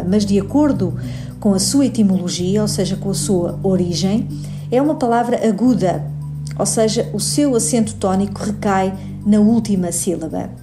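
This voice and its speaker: Didactic woman linguist. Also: mid-range voice. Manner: clear, didactic. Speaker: linguist answering a language question. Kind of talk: scripted radio explanation.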